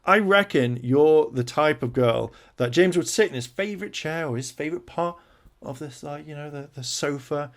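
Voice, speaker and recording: A man's voice: a little high, moderate pace, a bit bright. A man reading an article aloud and reacting with outraged, sarcastic swearing. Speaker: reaction video host.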